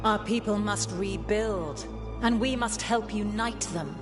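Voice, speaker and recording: Woman doing a calm wise elf goddess in a game, measured, music under it. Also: medium pitch, lightly acted. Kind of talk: video game cutscene dialogue.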